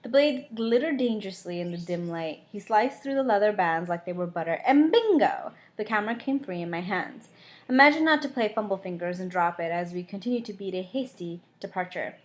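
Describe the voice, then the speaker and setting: A woman reading a novel aloud in a chatty, casual way, stopping now and then for quick comments on the text. Her voice sits at an ordinary middle pitch for a woman. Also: animated. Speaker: audiobook reader.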